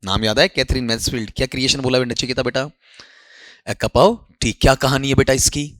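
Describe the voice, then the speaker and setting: A man's voice: mid-range voice, fairly even intonation, a little fast, a bit bright, no echo, clean studio sound. A man teaching an exam-prep lesson in Hindi mixed with English, coaxing his students and addressing them fondly as children. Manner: coaxing, addresses students as beta, repeats "theek hai".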